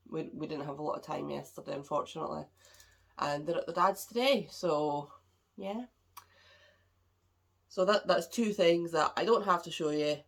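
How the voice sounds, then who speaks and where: A woman's voice: low-pitched, creaky. A woman hosting a craft podcast, chatting casually and rambling a little, with a stuffed-up, slightly nasal voice from a cold. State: congested, a bit nasal. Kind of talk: casual chat about crafts. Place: at home.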